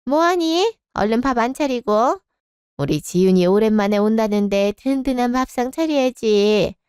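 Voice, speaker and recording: A woman's voice: on the high side, animated, normal speed, darkish tone, clean tone, dry recording, clean studio sound, natural voice. A woman voicing a stern, nagging older mother-in-law in a radio drama, scolding and overbearing. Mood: bossy.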